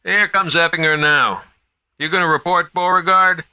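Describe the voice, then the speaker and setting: A man voicing a gruff, flustered night security guard in an audiobook, talking in clipped slang over the radio. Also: a little high, steady tone, moderate pace, bright, forceful tone, dry recording, highs cut off, voice pushed up. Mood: flustered, explaining. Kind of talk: audiobook character acting.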